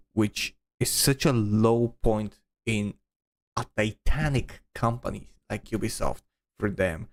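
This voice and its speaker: A man streaming, giving rambling casual commentary with many restarts and repeated words. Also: on the low side.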